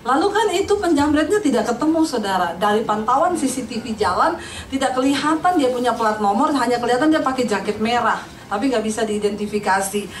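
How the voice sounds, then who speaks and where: A woman preacher, giving a lively, chatty sermon and often turning to the congregation. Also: on the high side, fairly quick, slight background noise. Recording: roomy echo, recorded from a distance.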